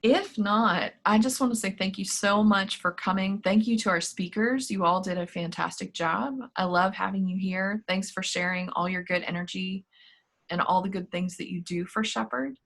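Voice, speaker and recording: A woman's voice: medium pitch, moderate pace, vocal fry, fairly bright tone. A woman on staff hosting a virtual campus meeting in an upbeat, chatty, encouraging way over a video call. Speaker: student activities staff host. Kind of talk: casual virtual meeting talk.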